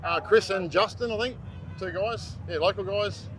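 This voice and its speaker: A man's voice: sits high, moderate pace, a bit bright, low-quality recording. A man on a road-racing team chats casually outdoors by a car in a laid-back, rambling way, often trailing off. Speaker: race team member. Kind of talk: casual on-camera chat.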